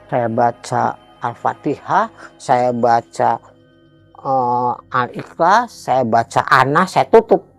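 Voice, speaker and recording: A man telling a host about his own experience, emphatic and dramatic, jumping between loud outbursts and hushed murmurs. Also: medium pitch, slow, creaky, soft background music. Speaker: guest recounting a personal experience. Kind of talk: animated storytelling to a host.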